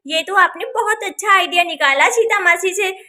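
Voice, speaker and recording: A woman's voice: very high-pitched, normal speed, sharp tone. A woman doing a chirpy little village girl. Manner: chirpy, eager.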